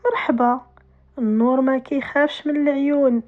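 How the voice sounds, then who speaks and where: A woman's voice: sits high, fairly even intonation, brisk, phone-quality sound, close to an everyday voice. A woman with a Moroccan accent voicing a serene, kindly, pious lantern keeper in a folk tale. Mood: calm, kindly.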